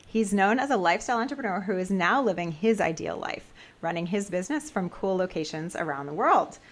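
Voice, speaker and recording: A woman's voice: mid-range voice, lively intonation, fairly quick. A woman hosting a video call interview, asking questions with friendly, encouraging remarks. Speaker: interview host.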